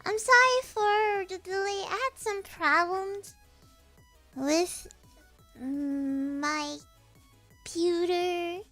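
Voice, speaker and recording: A woman livestreamer with a squeaky, pinched, extremely high voice and a bright tone. She chats casually in a playful, theatrical way at an unhurried pace. Faint music plays behind her. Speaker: streamer greeting viewers.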